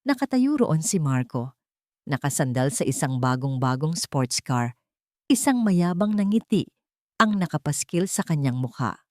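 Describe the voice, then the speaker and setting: An audiobook narrator with a Filipino accent tells a scripted drama in a theatrical storyteller's manner, her slightly low voice swinging lively at a measured pace. The recording is very dry.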